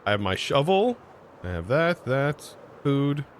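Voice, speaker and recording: A man's voice: medium pitch, sing-song, a little slow, slight background noise. An American man streaming a game, chatting casually and answering his chat in disbelief. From United States. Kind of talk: casual livestream chat while gaming.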